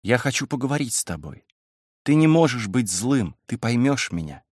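A man's voice: on the high side, animated, unhurried, no room sound, studio quality, pitched above the performer's own voice. A man doing a wild, passionate young woman. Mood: gently coaxing. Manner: impassioned, pleading, raised voice.

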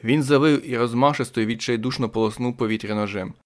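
A man's voice: medium pitch, fast. A man narrating a first-person thriller audiobook with dramatic tension.

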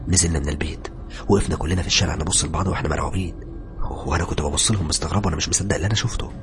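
A man's voice: very deep voice, steady tone, over music. A man with an Egyptian accent narrating a horror story in a dramatic way. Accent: Egyptian Arabic. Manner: rapid, dramatic telling.

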